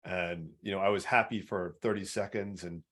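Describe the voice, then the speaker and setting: A male podcast host with a low baritone earnestly tells a personal story, restarting often and repeating words while he gathers his thoughts. His tone stays steady at a moderate pace and sounds a bit bright.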